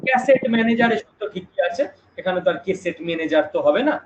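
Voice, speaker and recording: A man teaching a live online class, chatty and lively, asking students questions as he explains. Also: high-pitched, very fast. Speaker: online exam-prep teacher. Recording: dull lo-fi stream with noise.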